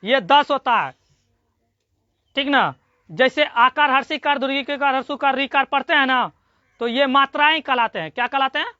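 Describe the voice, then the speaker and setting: A high-pitched teacher with a bright, sharp tone works through a classroom grammar lesson, asking the same question again and again and stretching out each syllable. The dry, dull lo-fi recording has little room sound. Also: normal speed, no echo. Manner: drills students with repeated questions and answers.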